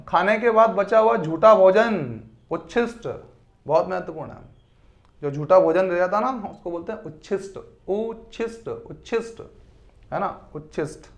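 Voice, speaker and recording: A man's voice: high-pitched, highs cut off. A man teaching a recorded exam-prep lesson. He calls his students his children, repeats each term several times, and quizzes the listener.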